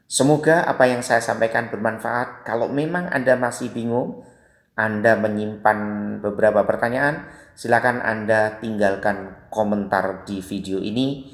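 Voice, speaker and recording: A man's voice: lowish voice, fairly even intonation. Indonesian man teaching English, echoey room. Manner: patient, repeats example phrases slowly. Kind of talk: explanatory lesson.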